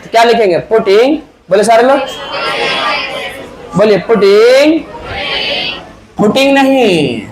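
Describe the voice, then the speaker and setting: A man with a Hindi accent and a high voice lectures a room full of students, constantly quizzing them and pushing for answers in chorus. The class chatter and background noise fill the room around him. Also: expressive, a little slow, long pauses. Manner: quizzing students, prompting answers, loud emphatic calls. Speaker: physics teacher. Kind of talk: classroom lecture with call-and-response. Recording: noisy classroom with crowd.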